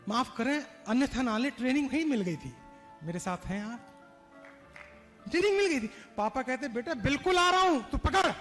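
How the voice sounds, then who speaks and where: A man with a very high voice gives an animated motivational stage talk, acting out stories and pressing his audience to answer. His voice carries long hall reverb with faint music underneath. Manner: animated, acts out stories, urges audience responses. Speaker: motivational speaker and trainer.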